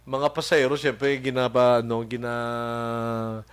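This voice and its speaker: Slow, halting radio host man. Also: mid-range voice, little pitch movement, smooth. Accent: Hiligaynon. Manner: slow, halting, with many fillers and chuckles. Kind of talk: casual radio show chat with greetings to listeners. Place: radio studio.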